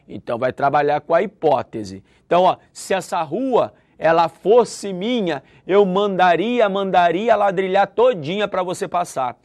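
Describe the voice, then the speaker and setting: A man with a Brazilian Portuguese accent teaching a video grammar lesson, lively and acting out example sentences. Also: high voice, no room sound, clean studio sound. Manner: lively, acts out example sentences with shifting intonation.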